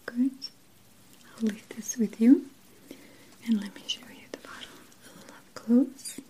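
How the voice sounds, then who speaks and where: A woman whispers in a breathy, unhurried ASMR roleplay, playing a gentle shop assistant. Her whisper sits very close to the microphone and has a deep, mellow darkness. A faint hiss lies under it. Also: low-quality recording. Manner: soft unvoiced whisper, slow and soothing.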